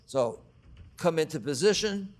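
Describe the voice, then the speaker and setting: Slow-paced male breathwork instructor. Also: fairly high pitch, animated. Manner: measured, short phrases with long pauses. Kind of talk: guided exercise instruction.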